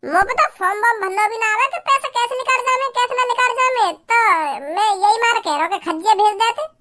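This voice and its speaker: Casting: a gullible young village lad, very high and bright, pitched-up cartoon voice, rambling. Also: fast talker, a little hiss or hum. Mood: whiny. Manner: rambling, excited storytelling in a rustic dialect. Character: simple-minded young village son, excitable.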